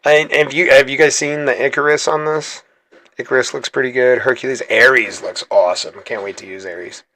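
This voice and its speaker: A man's voice: medium pitch, steady tone, normal speed, sharp tone. A man hosting his gaming channel, chatting casually through gameplay, rambling and correcting himself as he goes. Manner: chatty, rambling, self-correcting, laughs easily.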